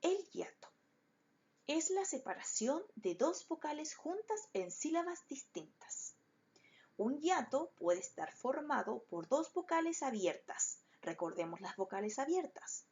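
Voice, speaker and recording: A woman teacher talks slowly and patiently, leading young pupils through the lesson one step at a time. Her pitch rises and falls a great deal as she stresses each point. The recording sounds slightly muffled and dull. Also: sing-song, a little mellow. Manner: patient, explains step by step to children. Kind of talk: recorded online class.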